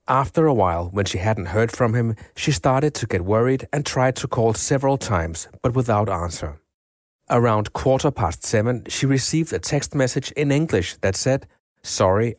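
An actor voicing a male former homicide police chief who recounts a case in a measured, factual documentary voice-over. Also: medium pitch, a little mellow, no room sound, studio quality, lightly acted. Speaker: voice actor reading an expert's account.

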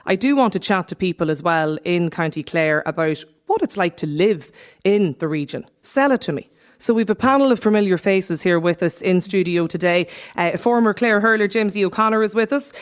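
A woman's voice: on the low side, animated, a little fast. A woman with an Irish accent, interviewing guests conversationally as a radio host.

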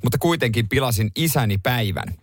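A man chats on a morning radio show, spinning a story with lively swings in pitch and jumping up high for the punchlines. The studio sound is close and dry. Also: no room sound. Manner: animated storytelling, swings pitch up when retelling. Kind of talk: casual radio chat. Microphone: studio microphone.

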